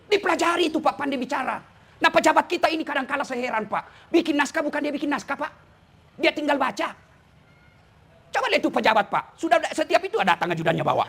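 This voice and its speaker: A man's voice: extremely high pitch, lively intonation, fast talker, gravelly, fairly bright tone. A man preaching a humorous sermon, teasing his listeners and often addressing them as "Pak". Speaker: preacher and lecturer.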